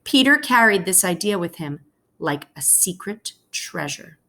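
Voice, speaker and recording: A woman teacher narrates a picture book aloud, pacing her phrasing carefully and pausing for her young audience. Her voice sits on the low side with big pitch swings, and her tone is bright and forceful.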